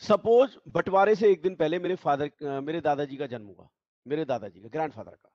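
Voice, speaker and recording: A man's voice: a little high, brisk, a little mellow, dry recording, lo-fi sound. A male teacher giving an online tax class, explaining step by step and repeating the key points. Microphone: video call.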